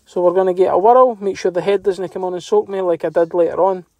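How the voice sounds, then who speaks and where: Higher-pitched Scottish man, chatty tradesman. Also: steady tone, quick pace, warm tone, no echo. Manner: chatty, colloquial, self-deprecating. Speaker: plumber and video host. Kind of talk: informal video narration.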